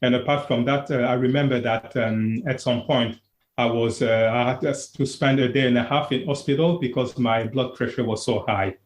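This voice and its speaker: A man from Congo, a wellness coach, telling his own story as an interview guest in an earnest, plain-spoken way with halting restarts. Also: mid-range voice, fairly even intonation, echoey room.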